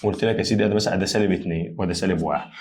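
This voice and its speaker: A man with an Egyptian accent teaching a lively maths lesson, chatty and emphatic, repeating phrases and calling students "ya basha". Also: deep voice, racing. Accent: Egyptian Arabic. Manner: repetitive, emphatic. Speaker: math teacher. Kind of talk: energetic whiteboard lesson.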